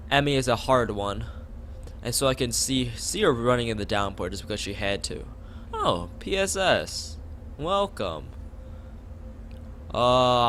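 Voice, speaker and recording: A young streamer playing a visual novel reads the game's text out loud in a mid-range, somewhat bright voice, with a little hiss or hum in the audio. He keeps wandering into casual asides and tripping over the lines.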